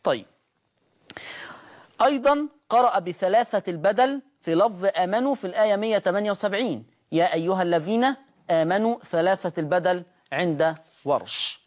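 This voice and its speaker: A man with an Egyptian Arabic accent teaching Quran recitation rules. He explains each rule and then slowly intones the example words. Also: high voice, lively intonation. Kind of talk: recitation lesson.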